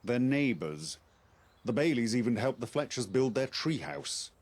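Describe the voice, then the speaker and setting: A man playing a composed knightly officer in a game, speaking formally and deliberately as he recruits and instructs. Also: mid-range voice, very animated, darkish tone. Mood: grave, measured. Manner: formal, measured, articulate. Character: measured Arthurian knight-officer recruiting an outsider to investigate. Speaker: quest-giving game character. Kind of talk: scripted game dialogue.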